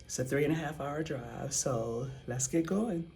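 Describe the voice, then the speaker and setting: A man in his fifties from the United States, vlogging casually about his travels in an unhurried, chatty way and repeating his exclamations. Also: fairly high pitch, faint music behind. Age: 50s. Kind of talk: casual travel vlog talk. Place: inside a car on a road trip. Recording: steady car and road noise behind.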